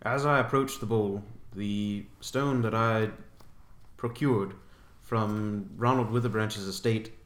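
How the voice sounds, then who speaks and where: A man's voice: fairly low pitch, steady tone, slow pace, fairly bright tone. A man taking part in a tabletop role-playing game, talking casually and in character. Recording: echoey room with faint noise.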